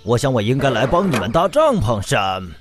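Man acting Trevor, a fussy cartoon driver, wildly expressive. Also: mid-range voice, a little fast, over music, natural voice. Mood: eager, boastful. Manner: fussy, hesitant, dramatic. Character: Trevor, fussy, eager, easily flustered male driver. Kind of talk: animated children's cartoon dub.

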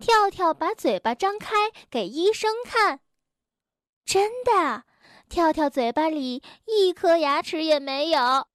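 A woman reads a children's bedtime story aloud, gentle and expressive. Her voice sits very high and she takes an unhurried pace. The recording is dry and close. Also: no echo.

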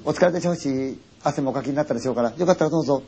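A man's voice: mid-range voice, rapid-fire, creaky, mellow, slight background noise, natural voice. A man voicing a courteous middle-aged woman running an inn, speaking politely and deferentially.

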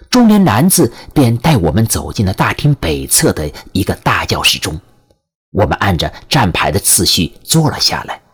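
Lively, husky male audiobook narrator. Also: fairly low pitch. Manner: lively, expressive first-person storytelling. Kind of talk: suspense novel narration.

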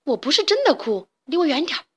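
A woman's voice: on the high side, expressive, moderate pace, lightly acted. A woman voicing a young rooster boy who stammers and gets flustered.

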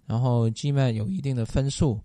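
A man answering interview questions who lays out his points one by one, pausing often on fillers. His voice is dark and mellow. The sound is close and dry. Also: medium pitch, fairly even intonation, dry recording. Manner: explanatory, methodical, with many fillers. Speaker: guest.

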